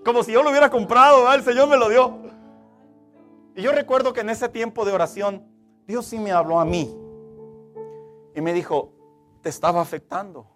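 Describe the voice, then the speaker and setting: A man's voice: extremely high pitch, normal speed, pauses often, a bit bright, soft background music. A man, preaching a sermon as pastor with emphatic, stressed phrases.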